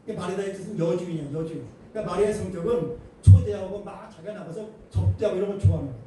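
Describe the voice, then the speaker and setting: A male pastor preaching an animated, emphatic sermon with colloquial humor in a church. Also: high-pitched, racing. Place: church sanctuary. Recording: echoey hall, distant mic, faint noise.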